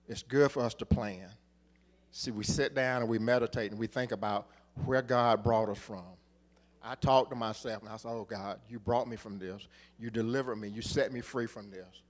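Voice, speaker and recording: Middle-aged preacher guy, repeats lines, gets loud and hammers points home. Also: mid-range voice. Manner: builds to emphatic shouts, repeats phrases for rhythm. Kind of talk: sermon.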